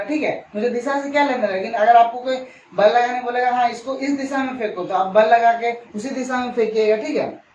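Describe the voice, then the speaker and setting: A man's voice: very high-pitched, a little hiss or hum. A male school science teacher, teaching in a classroom. He asks his own questions, answers them, and acts out little everyday dialogues. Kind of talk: classroom lesson. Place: classroom with a board. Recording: echoey, distant, dull lo-fi.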